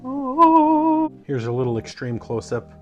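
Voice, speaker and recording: A man's voice: mid-range voice, fairly even intonation, normal speed, a little mellow, muffled recording, soft background music. A man hosting a casual cooking vlog, walking viewers through a recipe step by step with friendly enthusiasm. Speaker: cooking vlogger.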